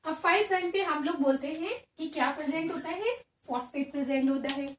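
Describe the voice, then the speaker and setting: A woman's voice: high-pitched, brisk, a little hiss or hum. A woman teaching biology, who explains step by step and asks and answers her own questions. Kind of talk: classroom lecture. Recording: roomy echo, a bit far from the mic.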